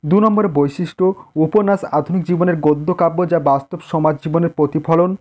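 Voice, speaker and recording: This Bengali-accented man teaches an exam-prep lesson fast, in a fairly high, slightly mellow voice. He dictates answers point by point, repeating key phrases and stressing key terms for students.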